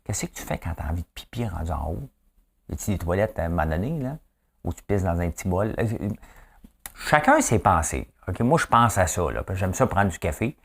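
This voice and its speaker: A man's voice: low-pitched, sing-song, brisk, creaky, fairly bright tone, breathy edge. A man in his fifties with a Quebec French accent, hosting a casual, folksy news chat and often asking his listeners questions. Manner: chatty, folksy, keeps asking "hein?". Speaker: host.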